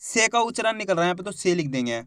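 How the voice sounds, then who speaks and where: A man's voice: sits high, big pitch swings, quick pace, fairly bright tone, clear, resonant tone, no echo, clean studio sound. A man teaching Hindi reading. He sounds out each syllable, then blends them into a word, and asks questions he answers himself.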